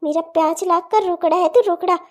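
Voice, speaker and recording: A woman's voice: very high-pitched, fairly even intonation, a little fast. A woman voicing a cruel, greedy young mother in a cartoon who talks slyly and gloats. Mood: harsh, threatening. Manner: sly and gloating, snapping into harsh threats. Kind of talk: cartoon voice acting.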